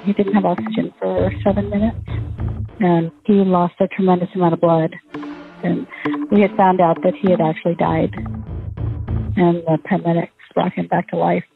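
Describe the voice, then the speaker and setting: A woman's voice: lowish voice, level tone, moderate pace, creaky, faint music behind. A middle-aged or older woman recalling personal events conversationally, as an interviewee. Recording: muffled lo-fi interview audio.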